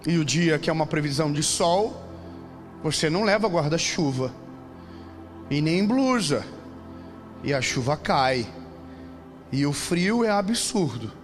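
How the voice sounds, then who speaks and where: A man preaching a sermon with a Brazilian Portuguese accent, moving between calm, conversational teaching and loud, repeated, impassioned declarations. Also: a little high, unhurried, long pauses, faint music behind.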